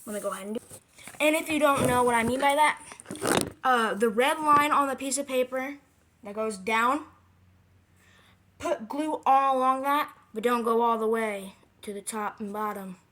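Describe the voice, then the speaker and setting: A creator's casual craft how-to vlog meanders, with corrections and repeated points to drive things home. Their mid-range voice sounds pushed and bright at a moderate pace.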